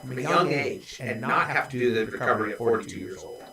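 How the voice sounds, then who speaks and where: A man's voice: medium pitch, quick pace, roomy sound, crowd noise. A man in his forties speaking bluntly and earnestly in casual conversation. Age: 40s. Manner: earnest, blunt confessional talk. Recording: voice from a distance off mic.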